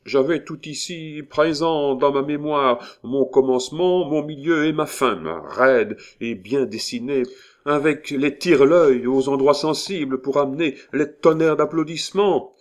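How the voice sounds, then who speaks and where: A man's voice: a little high, unhurried, voice pushed up, lightly acted. A man voicing a pompous, flustered male workshop orator who stumbles through a grand, emphatic speech.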